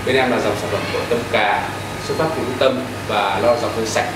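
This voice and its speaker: A man's voice: on the low side, steady tone, a little fast. A man in his thirties, a cafe owner, answering interview questions earnestly with many hesitant fillers, inside a small cafe. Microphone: far camera. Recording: echoey room, from far off, noisy.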